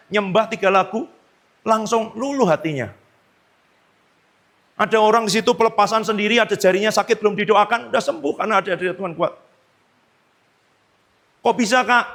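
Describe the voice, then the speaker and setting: A male pastor preaching an animated sermon, telling stories and acting out his own commands in a low, firm voice. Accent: Indonesian.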